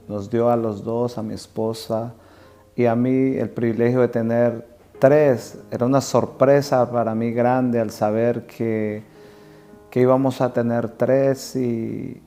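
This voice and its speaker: A man giving a personal testimony in a sermon, speaking haltingly with many fillers. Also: mid-range voice, a little mellow. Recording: faint guitar music behind.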